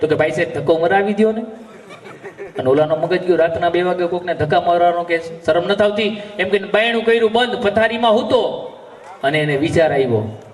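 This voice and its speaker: A man's voice: high voice, fast. A man with a Gujarati accent telling jokes on a live stage, acting out the dialogue. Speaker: stage comedian. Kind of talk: live folk humor storytelling. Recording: echoey live venue from far off.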